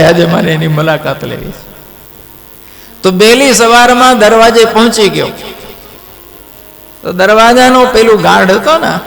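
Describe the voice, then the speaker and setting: A man's voice: high voice, vocal fry. A man giving a sermon, telling a story and acting out its characters. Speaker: Bhagavat katha preacher. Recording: long hall reverb.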